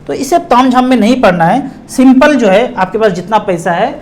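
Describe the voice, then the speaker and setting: Middle-aged indian guy explaining mutual funds, high voice, emphatic, slows down to stress stuff. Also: animated, a little hiss or hum. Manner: emphatic, slows down and breaks words apart for stress. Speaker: mutual fund distributor. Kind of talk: explaining investing to viewers.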